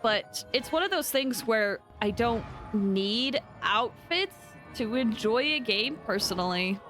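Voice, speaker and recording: A woman plays a game on a live stream, chatting with viewers in a loose, rambling, informal way. Her voice is fairly high with lively intonation, and she speaks slowly while game music plays in the background.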